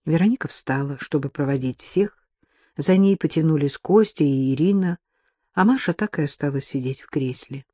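Mellow-voiced man narrating an audiobook. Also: a little high, moderate pace, dry recording, clean studio sound. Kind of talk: scripted narration.

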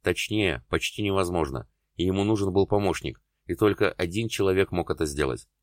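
A man narrating a dramatic novel as an audiobook, in steady storytelling. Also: deep voice, a little fast, dry recording, clean studio sound. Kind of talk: scripted narration.

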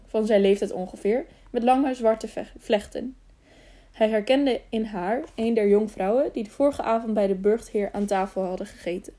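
A woman reading a children's novel aloud as an audiobook, steady, with small slips and self-corrections. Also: on the high side. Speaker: audiobook narrator.

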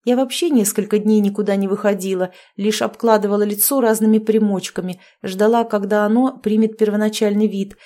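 A woman's voice: mid-range voice, steady tone, fairly quick, few pauses, warm tone. A woman reading a first-person fantasy novel aloud as an audiobook narrator, telling it expressively.

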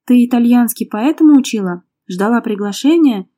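A jealous, hot-tempered young man barks short menacing lines, as a woman reader puts him on. The voice is warm and mellow, clipped and hard. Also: medium pitch, fairly quick, close to an everyday voice. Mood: furious. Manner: curt, snapping, menacing.

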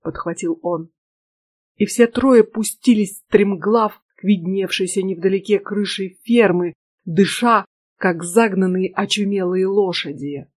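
A woman narrating an audiobook in a measured, steady way. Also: mid-range voice, dry recording. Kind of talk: scripted narration.

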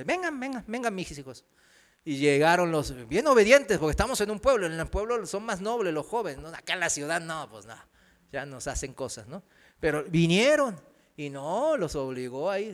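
A man preaching a sermon, moving between loud emphatic passages and soft, quick storytelling with laughter. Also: sits high. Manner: swings from loud emphatic preaching to soft anecdotes, laughs while telling stories.

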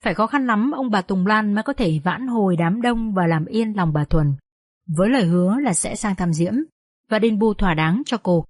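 A woman narrating a social drama story as an audiobook reader in a steady storytelling manner. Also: medium pitch, moderate pace, no echo, clean studio sound.

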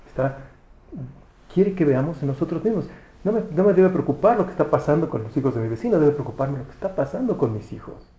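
A man's voice: on the high side, dark tone, echoey room, rough recording. A man preaching a conversational sermon, often restarting words and asking rhetorical questions. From Mexico. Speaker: pastor.

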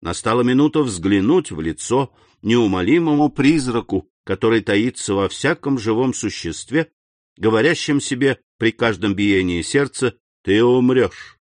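A man reading a novel aloud, expressive storytelling narration. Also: fairly low pitch, no echo. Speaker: audiobook reader. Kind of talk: scripted narration.

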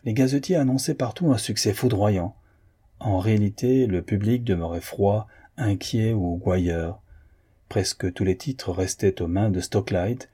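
Male audiobook narrator: dark, mellow low voice with a husky edge, measured reading. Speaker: audiobook reader.

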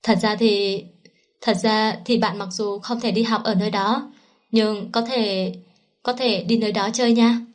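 A woman's voice: medium pitch, steady tone, moderate pace, natural voice. A woman reading as a curt, jealous young man. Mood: shy. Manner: stiff, clipped and curt. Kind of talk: audiobook reading.

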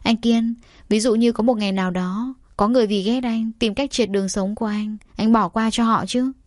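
A woman voicing a calm, resolute young woman. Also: a little high, fairly quick, no echo, clean studio sound, close to an everyday voice. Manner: calm and direct.

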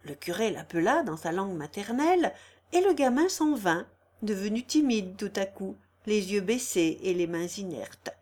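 A woman reading a literary story aloud as an audiobook narrator, in a slow, measured way. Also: medium pitch, expressive, darkish tone.

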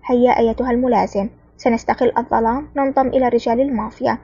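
A woman reading the lines of a calm, cool-headed male spy hero in an audiobook, speaking firmly and wryly. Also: a little high, quick pace, breathy edge, no room sound, lo-fi sound. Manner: calm, firm, wry.

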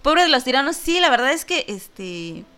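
A Mexican woman hosting a casual online show, chatting freely and laughing often as she answers listener comments. Her voice sits a little high for a woman. She fills her talk with easygoing fillers and quick jokes. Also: sing-song, sharp tone.

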